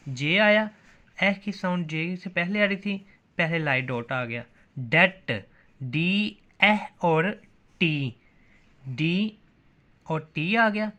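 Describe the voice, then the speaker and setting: Bright-voiced man teaching shorthand. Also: on the high side, lively intonation, slow, pauses often, lo-fi sound. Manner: repeats questions and answers them himself. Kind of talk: classroom lesson.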